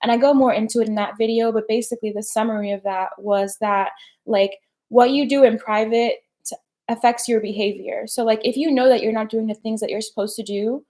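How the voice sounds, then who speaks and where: A woman's voice: a little high, steady tone, a little fast, mellow. A young woman hosting a casual live stream, chatty and slangy, peppering her talk with "like" and "right?". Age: young adult. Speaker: personal development host.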